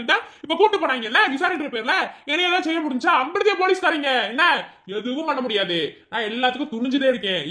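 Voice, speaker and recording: A woman's voice: high-pitched, a bit bright. A performer voicing a ruthless, greedy village man who taunts and threatens in a Madurai Tamil accent. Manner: gloating, taunting, menacing.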